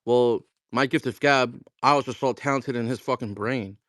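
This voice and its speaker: A man's voice: medium pitch, moderate pace, a bit bright, no room sound. A man chatting casually, a founder telling stories and acting out both sides of a conversation, full of slang like bro and dude and frequent swearing. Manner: slangy and profane, addressing listeners as bro and dude. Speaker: crypto project founder. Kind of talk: casual chat on a live audio space.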